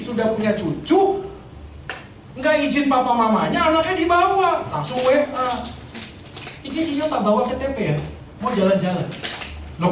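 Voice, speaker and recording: A man's voice: extremely high pitch, a little hiss or hum. A man giving a sermon-like talk on family, asking the crowd questions and acting out little dialogues. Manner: animated, acts out dialogues, asks the crowd questions. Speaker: speaker at a church event. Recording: echoey hall, voice from far off.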